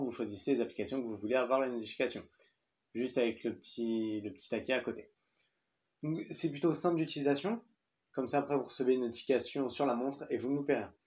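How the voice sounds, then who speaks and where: A man's voice: medium pitch, fast talker, a little mellow. A young man talking casually through a smartwatch review, chatty and loose, with fillers and the odd swear word. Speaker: tech reviewer. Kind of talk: casual tech review vlog.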